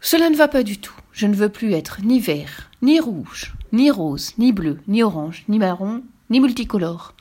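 A woman's voice: medium pitch, expressive, a little slow, hardly any pauses, warm tone. A woman voicing a vain, displeased big male wolf in a storybook reading, exclaiming dramatically. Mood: exasperated.

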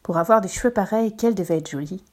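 A woman reading a children's storybook aloud in a gentle, lively narration. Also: medium pitch, fast talker.

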